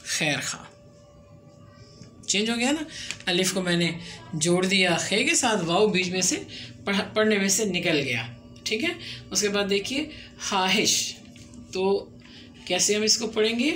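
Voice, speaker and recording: Bright-voiced woman teaching a patient lesson. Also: mid-range voice, expressive, faint music behind. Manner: slow, patient explanation with repeated drill words. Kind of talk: classroom lesson on Urdu script.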